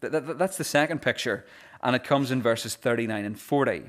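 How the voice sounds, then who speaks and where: A man preaching a sermon in an earnest voice. He often repeats words as he starts a phrase, and he slows down when he reads scripture aloud. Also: mid-range voice. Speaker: pastor.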